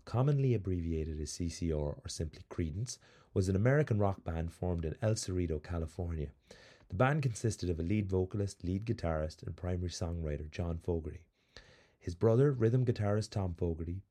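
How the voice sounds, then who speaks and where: A man hosting a podcast, telling a rambling, animated story with plenty of fillers before reading out some background. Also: sits low, a little fast. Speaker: podcast host. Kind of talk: casual storytelling monologue.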